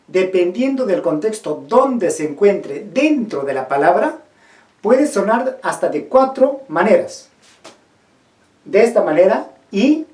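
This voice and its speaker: Lively woman teaching from off-mic in an echoey room. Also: mid-range voice, recorded from a distance. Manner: asks the viewer questions, models pronunciations. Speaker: teacher of Quechua linguistics. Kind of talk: explanatory video lesson. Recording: roomy echo, voice from off-mic.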